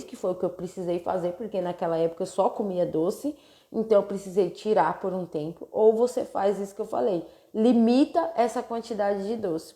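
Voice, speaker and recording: A woman's voice: medium pitch, dark tone, reverberant. A woman with a Brazilian Portuguese accent, a weight-loss coach talking casually on a live stream, earnest and checking in with listeners. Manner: earnest, keeps checking in with "entendeu?".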